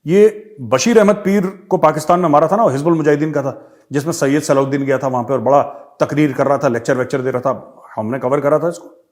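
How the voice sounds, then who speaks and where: A man hosting a Hindi political commentary show in a sarcastic, mocking, animated way. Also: on the high side, a little fast. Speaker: host, retired army major.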